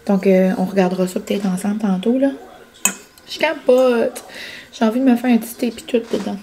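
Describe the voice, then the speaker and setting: A woman with a Quebec French accent chatting casually at home for her vlog, excitable and dropping English words into her talk. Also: medium pitch, fairly quick, poor audio. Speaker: vlogger. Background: background music.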